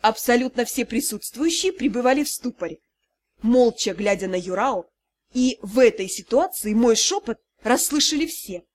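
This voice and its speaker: A woman narrates a first-person audiobook with a wry, storytelling touch. Her voice is high-pitched and steady. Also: moderate pace.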